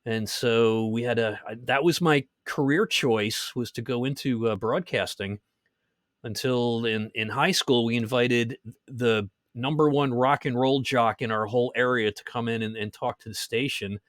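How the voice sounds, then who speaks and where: A man hosting a podcast, telling stories in a lively casual way and laughing at his own jokes. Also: mid-range voice, unhurried, dry recording, studio quality. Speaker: podcast host. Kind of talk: casual chat.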